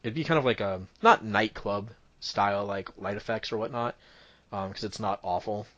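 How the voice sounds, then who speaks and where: A man with a slightly low voice narrates as dungeon master, drifting through his descriptions with easy pauses and fillers. He sounds young and relaxed, building the scene as he goes. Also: dry recording, muffled recording. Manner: rambling descriptive narration with frequent ums. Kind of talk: narrating a tabletop game.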